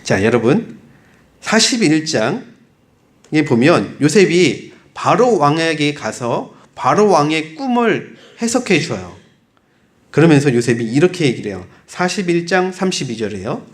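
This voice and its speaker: A man's voice: on the high side, very animated, measured pace. A male pastor giving a conversational sermon, asking his listeners questions and acting out short everyday dialogues. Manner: conversational preaching with acted-out example dialogues.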